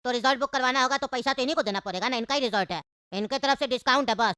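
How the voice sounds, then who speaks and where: A woman's voice: high voice, very fast, bright, forceful tone, smooth, dry recording, clean studio sound. A woman voicing a persuasive male party organizer in a cartoon. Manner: persuasive, coaxing. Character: smooth-talking male party planner. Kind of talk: cartoon voice acting.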